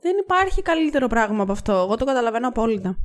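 Young woman co-host, opinionated and animated, bright higher voice, chatty. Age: 20s. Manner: opinionated, animated, quick to interject. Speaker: podcast co-host. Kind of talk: casual chat.

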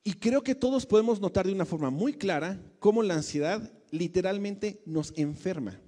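A man's voice: high-pitched, expressive, normal speed, dark tone, long reverb tail. A man preaching a sermon as pastor, speaking conversationally and putting questions to his congregation.

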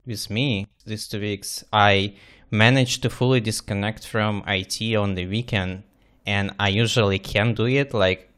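A man's voice: fairly low pitch, fairly bright tone. A man hosting a casual panel chat in an encouraging manner. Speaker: host.

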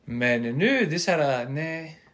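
A young man talks in a loose, rambling way, breaking into quoted asides as he tells stories. His voice sits a little higher than most men's. It is an easygoing podcast conversation. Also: expressive, fairly bright tone. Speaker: podcast co-host. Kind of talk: casual chat.

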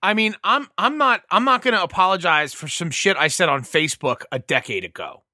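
A man's voice: high voice, lively intonation, brisk, bright, forceful tone, no echo, clean studio sound. A man co-hosting a podcast in casual chat, blunt and sarcastic. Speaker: podcast co-host.

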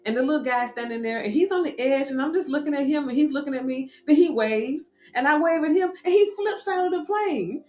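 A woman casually telling a personal story in a lively, animated way, with quick asides. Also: high-pitched. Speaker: speaker sharing a personal story. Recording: echoey room with faint music.

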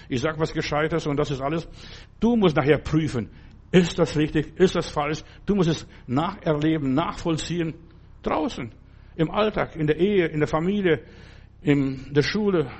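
A man's voice: a little high, a little mellow, breathy edge. An older male preacher delivering a loose, conversational sermon, often stopping to ask whether the listener understands. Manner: conversational, keeps asking "verstehst du?".

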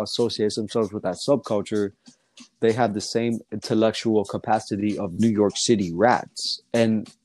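A man's voice: fairly low pitch, darkish tone. A man talking in a casual podcast chat, rambling with lots of fillers, restarts and swearing. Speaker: guest rapper.

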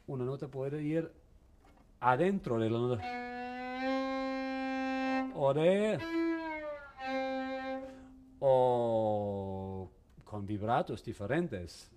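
Halting man teaching a violin masterclass. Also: mid-range voice, mellow, faint music behind. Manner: halting, mixes in English words, asks the class questions.

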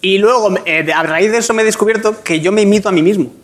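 A man, a comedian telling self-mocking stories on a talk show, stammering and animated. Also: sits high, quick pace. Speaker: comedian guest. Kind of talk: comic storytelling on a talk show.

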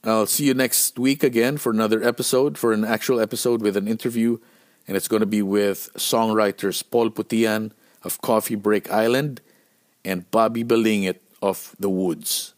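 Middle-aged guy, lowish voice, swearing a lot while he tells a story, lots of ums and restarts. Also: normal speed. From Philippines. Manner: profane, animated storytelling with many fillers and restarts. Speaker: podcast host. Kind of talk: casual storytelling podcast.

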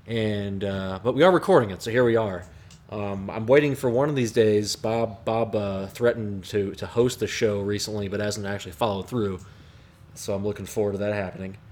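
Halting man chatting on a call. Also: fairly low pitch, a little mellow. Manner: halting, many restarts, chuckling. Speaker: podcast host. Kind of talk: casual chat over a call. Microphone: video call.

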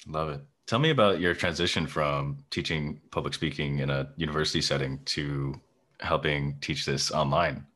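A man's voice: very deep voice, moderate pace, a bit bright. A man hosting a podcast interview, giving short affirmations and asking brief questions. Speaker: podcast host. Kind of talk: casual interview.

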